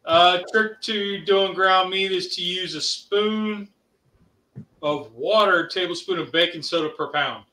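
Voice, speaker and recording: A man's voice: sits high, unhurried, bright, forceful tone. A man from Ohio co-hosting a casual livestream, chatting and reading out viewer comments with lots of fillers. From Ohio, USA. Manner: chatty, hesitant, many fillers. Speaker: co-host reading viewer chat. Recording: roomy, mic at a distance.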